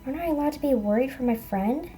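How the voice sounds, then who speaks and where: Woman voicing a gentle protective young female toy pet, reassuring, high voice, soft music. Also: expressive, quick pace. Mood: firm. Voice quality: soothing, reassuring. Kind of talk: amateur toy video voice acting.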